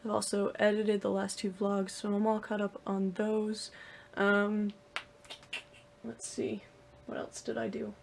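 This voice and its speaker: A woman's voice: mid-range voice, flat delivery, measured pace, gravelly, darkish tone, a little hiss or hum. A young woman talking casually to the camera in her room at home, rambling with lots of fillers and restarts. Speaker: vlogger. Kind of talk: casual vlog talk to camera.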